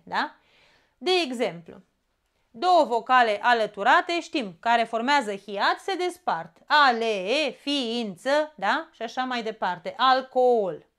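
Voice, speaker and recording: A woman with a Romanian accent teaching an exam-prep grammar lesson, explaining step by step and often checking in with a quick "da?". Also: a little high, a bit bright.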